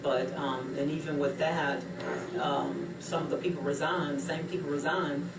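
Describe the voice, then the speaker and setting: Male mayor, hesitant answers, flat slightly high voice, noisy far-off mic. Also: unhurried. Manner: hesitant, many fillers. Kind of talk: answering interview questions. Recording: echoey room from far off, noisy.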